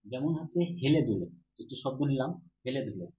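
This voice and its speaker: A man's voice: medium pitch, expressive, brisk, mellow. A male teacher giving a grammar lesson to students. He asks questions, answers them himself, and repeats each key term. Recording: roomy, dull, with faint hum.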